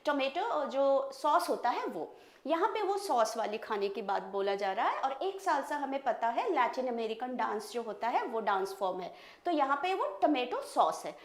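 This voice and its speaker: An Indian woman teaches English vocabulary, mixing explanation with slow, careful model pronunciations. Her voice sits high and moves a great deal. The room behind her gives the sound a noticeable echo. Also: big pitch swings. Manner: repeats words slowly to model pronunciation. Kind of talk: bilingual classroom lesson, explaining word meanings. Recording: echoey room.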